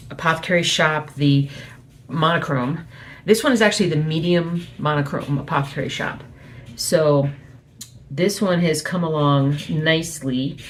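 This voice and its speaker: A woman speaking quietly at night in a casual, rambling, self-correcting chat, hosting an informal video update. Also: deep voice. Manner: speaking quietly at night so as not to wake someone. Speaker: host of a weekly cross stitch video update. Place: small home office.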